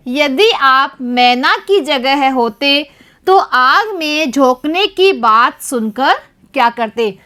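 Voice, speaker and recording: This primary school Hindi lesson is led by a woman from Rajasthan, India, whose high voice is a bit bright. She keeps addressing the young pupils and takes each syllable slowly, with deliberate stress.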